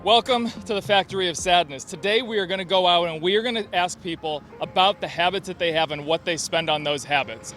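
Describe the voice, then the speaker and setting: A man in his thirties hosting a street interview outdoors on a city street, asking quick questions and running through numbers in an upbeat way. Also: high-pitched, a bit bright. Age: 30s.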